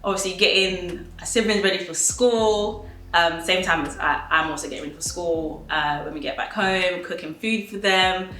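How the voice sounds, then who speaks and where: A woman's voice: on the low side, normal speed, bright, forceful tone. A woman in her twenties, a trainee solicitor, giving a chatty, light-hearted documentary interview. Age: 20s. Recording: echoey room with faint noise.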